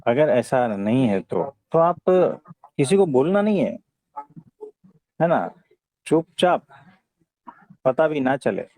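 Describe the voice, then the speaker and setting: A man with an Indian accent giving a conversational spiritual discourse, teaching in a calm, gentle way and often checking for agreement. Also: medium pitch, slow pace, pauses often, no room sound, poor audio. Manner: didactic, often seeks agreement with short tag questions. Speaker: spiritual teacher answering devotees' questions.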